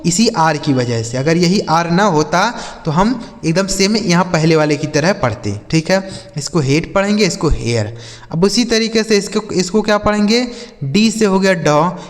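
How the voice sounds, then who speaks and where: A man with a fairly high voice gives a patient, step-by-step pronunciation lesson, asking rhetorical questions and answering them himself. His voice carries a long, lingering reverb from the room. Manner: addresses viewers as friends, patient step-by-step explaining. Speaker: English teacher. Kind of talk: Hindi-language pronunciation lesson.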